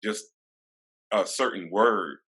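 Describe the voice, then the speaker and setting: A man hosts a casual interview in a very low voice. His tone is bright and forceful, and he keeps the talk warm and encouraging with plenty of fillers. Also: takes it slowly, slightly rough. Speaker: interview host.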